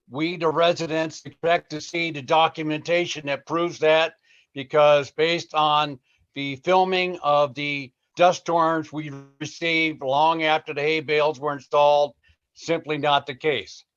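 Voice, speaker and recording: A man's voice: fairly high pitch, a bit bright. A man giving a pointed, skeptical public comment at a meeting, heard over a video call that breaks up. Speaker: public commenter, local vice mayor. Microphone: computer mic on a video call. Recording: muffled video call audio.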